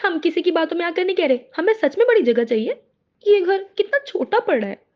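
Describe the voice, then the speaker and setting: A woman's voice: very high voice, lively intonation, fairly quick, lo-fi sound. A woman voicing an insistent young daughter-in-law who keeps complaining in a cartoon drama. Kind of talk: Hindi cartoon drama voice acting.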